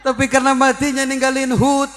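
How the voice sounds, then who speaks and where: High-voiced joking preacher in a hall. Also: male voice, completely flat delivery, fairly quick, a bit bright. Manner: joking, teasing the audience with questions. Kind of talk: comic religious sermon to a crowd. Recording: reverberant hall, faint music.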